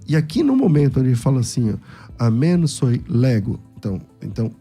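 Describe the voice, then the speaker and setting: A man in a lively theological debate, his pitch swinging widely as he presses his point and acts out phrases. His voice is dark and a little husky, slightly higher than most men's. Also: fairly quick, soft background music. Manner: argumentative, mimics speech, rising emphasis.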